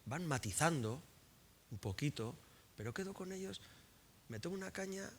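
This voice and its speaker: A man's voice: a little high, animated, moderate pace, a bit bright, a little hiss or hum. A man talking at a public book presentation, frank and colloquial, who swears often and restarts and repeats words as he thinks aloud.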